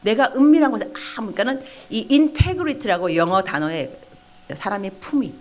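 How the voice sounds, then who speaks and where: Animated woman pastor preaching, chatty. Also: medium pitch, a little fast. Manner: animated storytelling with quoted outbursts and chatty asides. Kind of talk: lively evangelistic sermon to young adults. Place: church hall.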